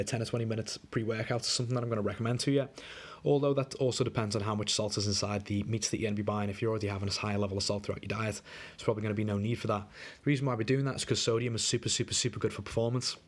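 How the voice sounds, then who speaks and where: Captured on a screen recording, a young man walks a client through a diet plan, casual and laid-back, chatting away with plenty of filler words. His voice sits on the low side with fairly even intonation, delivered rapid-fire, and he's a little wheezy as a flu comes on.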